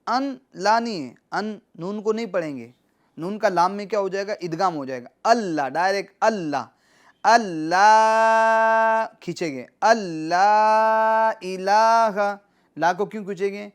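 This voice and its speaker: A man teaching recitation on television, reciting words slowly and repeating them, then giving quick, quieter explanations of pronunciation rules. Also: sits high. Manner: repeats drills patiently.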